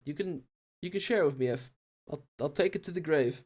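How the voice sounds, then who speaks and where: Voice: medium pitch, brisk, a little mellow, close to an everyday voice. A voice actor voicing an earnest, jumpy, teasing lead character in a game.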